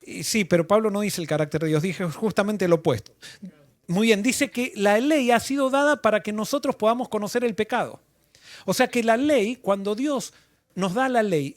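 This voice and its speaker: A man's voice: sits high, dry recording. A male pastor leading an interactive Bible study, asking the class questions and repeating their answers.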